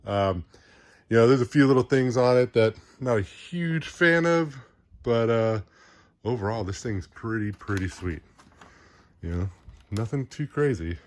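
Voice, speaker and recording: A man hosting a casual product review, relaxed and rambling with many fillers, a bit out of breath. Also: mid-range voice. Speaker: host.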